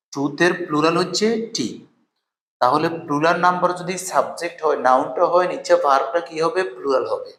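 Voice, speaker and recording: Man, grammar teacher, bright tone, slow deliberate examples, rhetorical questions, roomy echo. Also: fairly high pitch. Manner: slow, deliberate reading of English example sentences; asks rhetorical questions, then answers them. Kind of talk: explaining grammar in Bengali with English examples. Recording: echoey room.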